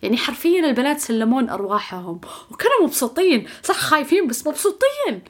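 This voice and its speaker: A young woman telling a story on her podcast in a casual, animated, self-mocking way, often laughing. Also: high voice, fast talker. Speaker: podcast host.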